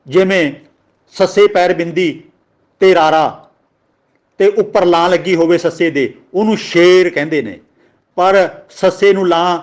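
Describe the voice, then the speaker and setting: A man with a Punjabi accent giving a religious grammar lesson, slowly spelling out words and their pronunciation. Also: high voice. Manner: slow, deliberate, spells out words letter by letter. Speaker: teacher of scripture grammar.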